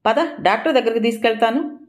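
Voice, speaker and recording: A woman voicing a young husband who is grieving and then turns gruff, giving abrupt commands. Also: a little high, fast, pitched above the performer's own voice, lightly acted. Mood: harsh.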